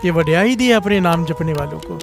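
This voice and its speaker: High-voiced man preaching a katha. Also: fairly quick, gravelly, faint music behind. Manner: storytelling, repeatedly calling the congregation to respond; rises in pitch and volume at emphatic points. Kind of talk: Sikh katha sermon.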